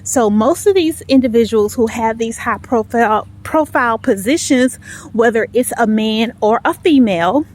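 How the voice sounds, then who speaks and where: A woman's voice: fairly high pitch, moderate pace, a little mellow. A woman talking casually and encouragingly to followers while out walking, repeating phrases for emphasis. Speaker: vlog host. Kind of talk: casual motivational talk to followers. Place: outdoors, walking in a residential neighborhood. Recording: clear outdoor noise, passing vehicles. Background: outdoor ambience, vehicle noise.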